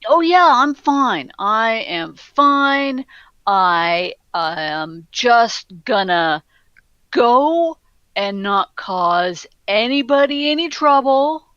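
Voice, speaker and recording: A woman's voice: a little high, big pitch swings, fairly quick, few pauses, sharp tone, clear, resonant tone, no room sound. A woman voicing a big, nervous, many-eyed male flesh creature who is anxious and eager to please, heard through dull lo-fi sound. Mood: nervous pleading.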